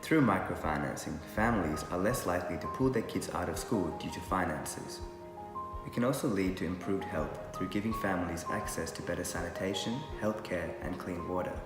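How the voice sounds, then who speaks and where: A man giving a scripted voice-over in a measured, explanatory read. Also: low voice. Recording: long hall reverb with music.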